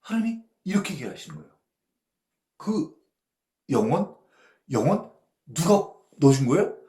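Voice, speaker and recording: A man's voice: a little high, very animated, normal speed, mellow, roomy sound. A male pastor leading a Bible study, talking animatedly and peppering his teaching with rhetorical and tag questions.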